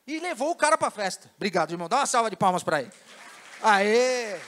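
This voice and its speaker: A São pastor preaching in a very high, bright voice. He tells the story casually and full of slang, acting out each scene as he goes. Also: big pitch swings, rapid-fire. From Brazil. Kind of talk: sermon. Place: church.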